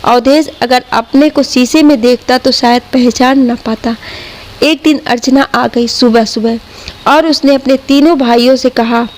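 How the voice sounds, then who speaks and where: A woman narrating an emotional family story in a steady, dramatic storytelling manner. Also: high-pitched, unhurried.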